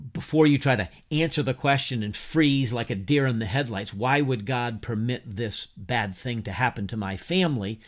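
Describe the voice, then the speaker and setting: Animated man teaching a church class. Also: medium pitch. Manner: animated, gestures a lot, many restarts and quoted dialogue. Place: home study with bookshelves and a whiteboard.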